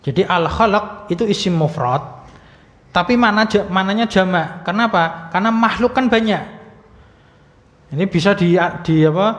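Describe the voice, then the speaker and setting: Man, Arabic grammar lesson, patient explaining, fillers, dull lo-fi sound, long reverb. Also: high voice. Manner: explanatory, frequent fillers, light humor. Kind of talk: religious study lesson. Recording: muffled recording with long hall reverb.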